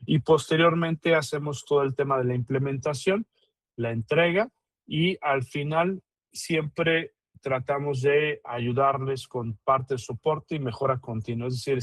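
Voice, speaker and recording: Male consultant, mid-pitched, dry audio, stop-start business presentation. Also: no room sound. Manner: halting, many fillers and repeated words. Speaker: IT consultant presenting his company. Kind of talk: webinar presentation.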